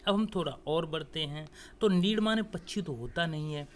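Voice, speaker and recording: A man with a fairly high voice teaches Hindi grammar for exam prep at a moderate pace, with slight background noise. He explains step by step, speaks directly and coaxingly to his students, and often adds "theek hai."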